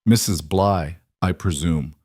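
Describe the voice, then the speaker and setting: A man voicing a calm, cold outlaw leader who speaks in a measured way. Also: low-pitched, dry recording, clean studio sound. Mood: menacing.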